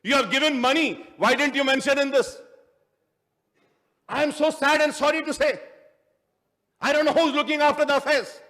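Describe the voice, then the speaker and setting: A man's voice: very high-pitched, steady tone, very slow, pauses often, pushed and bright. A man speaking in a legislative assembly debate, firing off repeated rhetorical questions at the government. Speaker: legislator in opposition. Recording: long reverb of an assembly hall.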